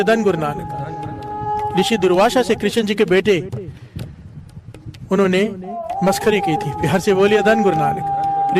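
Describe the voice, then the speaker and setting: A man preaching a devotional sermon, telling a story and often calling out a chant for the congregation to repeat. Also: high voice. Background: devotional music.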